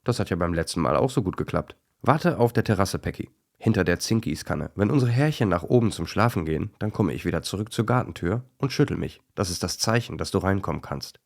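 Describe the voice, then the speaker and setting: A man voicing a friendly male German shepherd dog in a children's story, calm and kind. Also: low-pitched, a little fast, vocal fry, few pauses, exaggerated voice.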